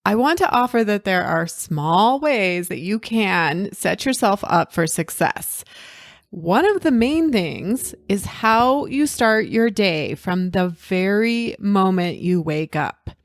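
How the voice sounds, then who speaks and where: Slow-talking woman coaching podcast host. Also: medium pitch, animated, dry recording, clean studio sound. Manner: encouraging, conversational, addresses listeners directly. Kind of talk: solo podcast coaching talk.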